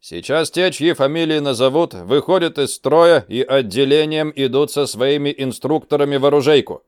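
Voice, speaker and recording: A man's voice: a little high, normal speed, smooth, dry recording, clean studio sound, voice pushed up, natural voice. A man voicing a stern male army commander who barks orders at recruits. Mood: commanding. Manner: barking commands.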